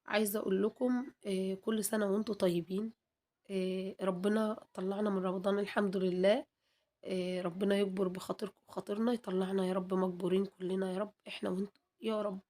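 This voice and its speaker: A woman with an Egyptian accent, hoarse from a cold, chatting to viewers in a home kitchen cooking vlog and adding long prayers. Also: mid-range voice, little pitch movement, fast, warm tone. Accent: Egyptian Arabic.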